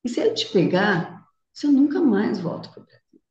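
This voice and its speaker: A woman voicing a calm, protective male friend who gives quiet, earnest warnings. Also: medium pitch, moderate pace, echoey room, lo-fi sound, natural voice.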